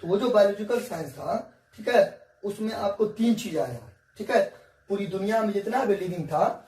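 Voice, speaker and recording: A man's voice: sits high, moderate pace, a little mellow. A male teacher, giving a whiteboard science lesson in a coaxing, repetitive way and often checking that students follow. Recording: echoey room, distant mic, faint hiss.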